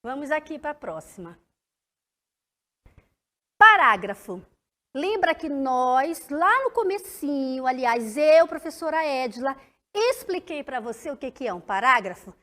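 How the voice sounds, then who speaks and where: A woman primary school teacher, giving a recorded lesson to children in an animated, sing-song way and addressing them directly. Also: high-pitched, unhurried.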